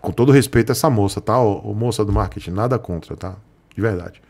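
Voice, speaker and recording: Gravelly and darkish in tone, his low-sided voice moves at a quick clip. He's a motorcycle vlogger with a Brazilian Portuguese accent, ranting with sarcasm during a live stream and trading jokes and frequent chuckles with the chat.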